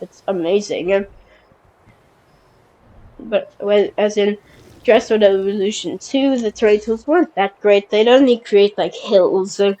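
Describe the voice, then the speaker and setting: Poor audio captures a content creator narrating a park-building game offhandedly while congested from a cold. Her pitch stays in the middle, and her talk stumbles along with fillers, self-corrections and restarts, brightening slightly when something cute shows up.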